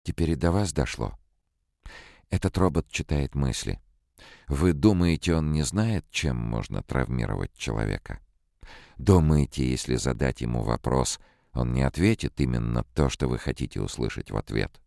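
A man voicing a sharp, mocking woman robot psychologist in an audiobook, his deep voice pushed higher. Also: expressive, moderate pace, gravelly, dry recording, clean studio sound, full character voice. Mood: scornful. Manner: mocking, cutting.

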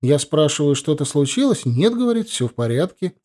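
A man's voice: on the high side, sing-song, fairly quick, dark tone. A man voicing a wife who matter-of-factly reports a phone call to her husband. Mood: reporting. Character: wife relaying a phone message, attentive.

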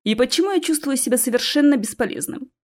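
A woman's voice: high voice, animated, quick pace, pitched above the performer's own voice. A bewildered young man asks questions in a lightly raised voice and doubts himself, voiced by a woman. He is a companion on a fantasy adventure in an audiobook. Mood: puzzled. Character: puzzled, self-doubting young male companion.

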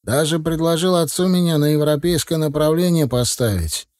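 A man's voice: a little high, normal speed, darkish tone, dry recording, studio quality, pitched above the performer's own voice, lightly acted. A man voicing an earnest young heir of a family business in an audiobook, speaking in a confiding tone.

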